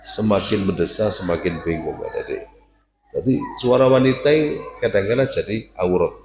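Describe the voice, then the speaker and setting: A lower-pitched man teaches young students in a relaxed, joking way, now and then chanting a line to show them how. His voice rings in a roomy, echoey space with a faint hum of ambience behind it. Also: normal speed. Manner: lively, jokey, demonstrates recitation aloud. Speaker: religious teacher. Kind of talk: casual Quran class teaching. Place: prayer room with students.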